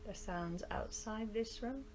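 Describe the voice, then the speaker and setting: A woman with a mid-range voice teaches yoga nidra to a live group in a rural studio, guiding relaxation soothingly and without hurry, pausing at length and softening into a breathy near-whisper as lines end. Outside birdsong and ambience come through with faint background noise.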